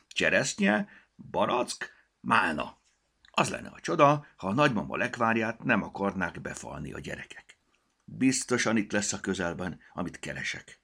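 A man's voice: on the low side, creaky, bright, forceful tone, breathy edge, voice pushed up, heavily acted. A man voicing a grumpy, fussy male gnome sleuth in a storybook, muttering and exclaiming. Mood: excited. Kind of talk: storybook character voice.

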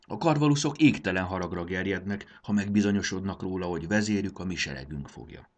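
A man's voice: sits low, animated. A man voicing a trembling, anxious creature. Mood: fearful. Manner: worried, trembling. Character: anxious, fearful young creature. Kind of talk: audiobook character voice.

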